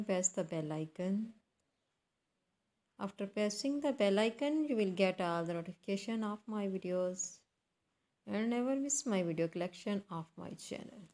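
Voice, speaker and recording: A woman reading a scripted voice-over as a channel host, in halting, deliberate phrases. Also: medium pitch, warm tone. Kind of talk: scripted voice-over narration for a slideshow.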